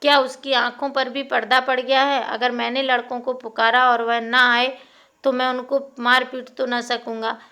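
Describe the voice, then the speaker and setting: A woman reading a classic short story aloud in a steady, expressive narration. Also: on the high side, normal speed.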